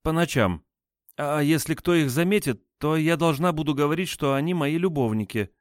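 A man's voice: a little high, moderate pace, no room sound, pitched above the performer's own voice, lightly acted. A scared young woman stammers out her answers in a raised, pleading voice, as a male narrator puts her on. She sounds flustered and hesitant, and the recording is dry and close. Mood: frightened. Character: frightened young woman under interrogation.

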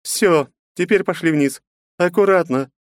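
A man voicing a brisk, caring young heroine who speaks in quick exclamations, in a storybook reading. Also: high voice, no echo, studio quality, pitched above the performer's own voice.

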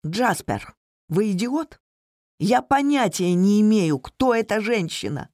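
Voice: mid-range voice, expressive, slow pace, a little mellow, no room sound, clean studio sound. A reader doing an impatient, scornful constable. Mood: exasperated. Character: exasperated short, sweaty constable.

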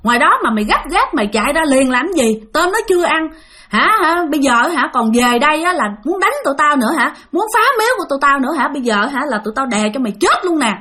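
A pack of menacing ghosts berating and threatening someone, as a woman storyteller voices them. The voice is high and harsh, with a bright, piercing edge. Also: lively intonation, fast talker. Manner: scolding, threatening. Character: band of angry menacing ghosts.

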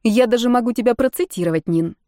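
A woman's voice: on the high side, quick pace, mellow, dry recording, voice pushed up, natural voice. A woman playing a prim young woman with a dry, lecturing way of talking. The voice sits a little raised in a storybook reading, recorded close and dry. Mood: mocking.

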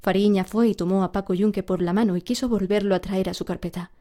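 A woman narrating a storybook aloud in a steady, even storytelling manner. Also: mid-range voice, quick pace.

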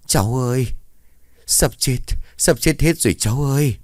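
A man's voice: moderate pace, a little mellow, no echo, studio quality, lightly acted. A man voicing a frantic grandmother in her eighties who wails her warnings. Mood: wailing, frantic. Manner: shrill, wailing warnings. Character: elderly grandmother, over eighty, frantic and wailing.

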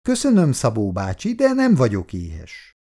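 A man's voice: mid-range voice, wildly swooping pitch, warm tone. Male reader playing shy polite young man, slightly raised. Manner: polite, hesitant.

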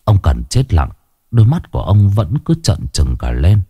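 A man's voice: deep voice, sing-song, normal speed, mellow, husky, dry recording, clean studio sound. A man telling a horror story in dramatic, suspenseful scripted narration.

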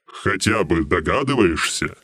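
A man's voice: sits low, expressive, unhurried, pushed and bright, breathy edge, heavily acted. A grave shadow king. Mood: stern. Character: shadow king homunculus, gloomy stern old male. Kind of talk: audiobook role.

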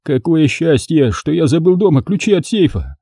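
Reader playing a cowardly fussing dad, high whining voice, fretful. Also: male voice, big pitch swings, moderate pace, warm tone, breathy edge, no room sound, studio quality, full character voice. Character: fat panicky bald middle-aged father.

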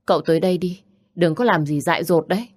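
A woman voicing a calm, firm young wife. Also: lowish voice, quick pace, dry recording, studio quality, lightly acted. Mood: gentle. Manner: soothing, firm. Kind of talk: audiobook character reading.

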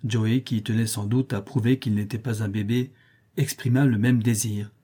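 A man narrating a classic novel as an audiobook in a calm, measured reading. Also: fairly low pitch, breathy edge. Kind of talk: scripted narration.

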